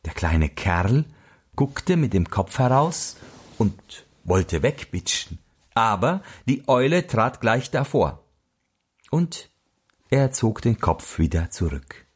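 A man reading a fairy tale aloud in an expressive, unhurried storytelling manner. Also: mid-range voice, husky. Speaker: narrator.

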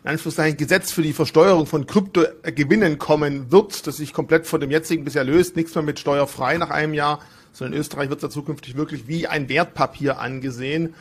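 A man with a somewhat higher voice co-hosts a relaxed finance discussion. He talks quickly, stringing long thoughts together in run-on sentences. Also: breathy edge. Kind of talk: casual discussion.

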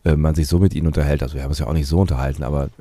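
A man hosting a podcast in casual chat, congested from a cold with a blocked nose and sore throat, talking haltingly with stammered restarts. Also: a bass voice, steady tone, mellow, a little hiss or hum. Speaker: podcast host.

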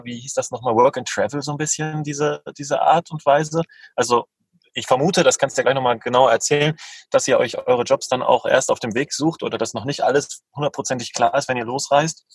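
A man's voice: medium pitch, breathy edge, dry recording. A male podcast host, eager and slangy, stacking one question on another. His voice has a slight husk and sits in the middle of the male range, dry with no room around it. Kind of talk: casual podcast interview.

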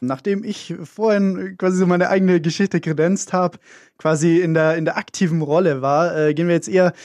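A man's voice: sits high, steady tone, moderate pace, darkish tone. A young man co-hosting a casual radio show, talking with many fillers and a wry, self-mocking manner. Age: young adult. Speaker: radio co-host.

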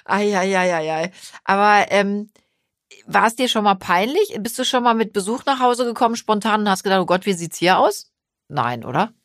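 A woman's voice: mid-range voice, expressive, normal speed, fairly bright tone, dry recording, studio quality. A middle-aged woman, a mother, chatting casually with her daughter and teasing her with frequent laughs. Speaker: mother and podcast co-host. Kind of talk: casual family chat.

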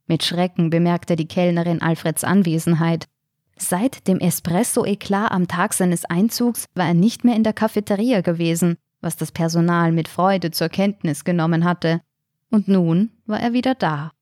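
Low-voiced woman narrating a story. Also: steady tone, normal speed, a little mellow, no room sound, studio quality. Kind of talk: audiobook narration.

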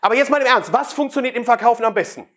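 A man's voice: very high voice, very fast, a bit bright. A man giving a live sales talk, questioning the audience and provoking them. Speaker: sales speaker.

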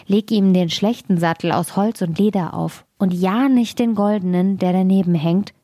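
A woman voicing a wise, helpful male fox in a fairy-tale reading, giving calm, patient advice. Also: mid-range voice, moderate pace, no echo, clean studio sound, lightly acted. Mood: advising.

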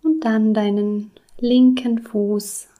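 A woman guiding a body scan meditation, speaking softly and soothingly, with some words in a breathy whisper. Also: fairly high pitch, little pitch movement, slow pace. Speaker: meditation guide.

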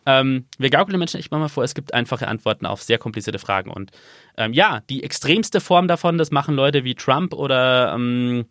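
Guy rambling through a long explanation, animated, dry close sound. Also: medium pitch, no echo. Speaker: guest. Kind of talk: casual explanatory conversation.

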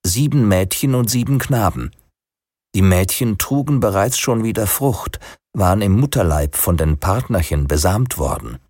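A man's voice: moderate pace, no echo, studio quality. A man reading a literary story aloud, lifting his voice for the quoted lines. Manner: lively, raises pitch for quoted speech. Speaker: narrator.

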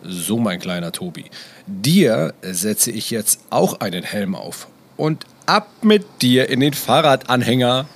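A man playing a gentle, hesitant father of small children in an educational audio play, speaking softly and easily. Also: mid-range voice, very animated, slow pace, full character voice.

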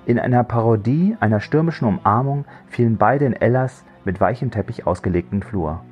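A man narrating a crime thriller audiobook in a measured, dry storytelling voice. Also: medium pitch, highs cut off, faint music behind.

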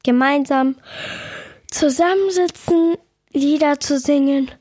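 A woman's voice: high-pitched, slow pace, warm tone, dry recording, clean studio sound. Hilde Haselmaus, a woman doing a fretful little dormouse. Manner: whiny, fretful. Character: tired, anxious little female dormouse. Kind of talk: children's audio story acting.

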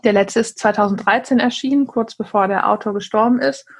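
Husky-voiced woman reading a children's book. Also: a little high, brisk. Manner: lively storytelling with asides to listeners. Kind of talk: reading aloud, then casual chat.

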